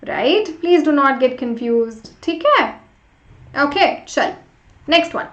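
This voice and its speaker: Lady teacher on a live class, high voice, chatty, bit echoey. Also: expressive, unhurried, fairly bright tone. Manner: chatty, urging students along with repeated short prompts. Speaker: online chemistry teacher. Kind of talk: interactive live online lesson with quiz. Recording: roomy echo, slightly dull sound.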